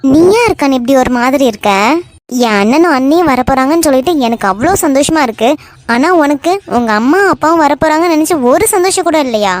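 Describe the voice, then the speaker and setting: A woman voicing a fussing middle-aged mother in an animated cartoon, nagging, with a Kanyakumari Tamil accent. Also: high voice, quick pace, no echo.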